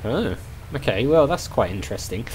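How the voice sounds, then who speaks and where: A man's voice: medium pitch, sing-song, normal speed, darkish tone, a little hiss or hum. A man hosting a let's play, thinking aloud in casual, tentative game commentary. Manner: musing, tentative.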